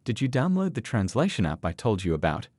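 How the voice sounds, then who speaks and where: A man voicing a calm, careful father who speaks seriously, in a read story. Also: fairly low pitch, brisk, no echo. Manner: serious, earnest.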